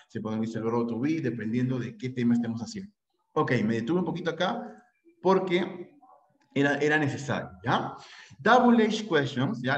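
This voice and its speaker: A man's voice: medium pitch, reverberant, muffled recording. A man with a Peruvian Spanish accent teaching an English class to pre-university students, chatty and constantly checking in with his listeners. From Peru. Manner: chatty, checks in often with tag questions.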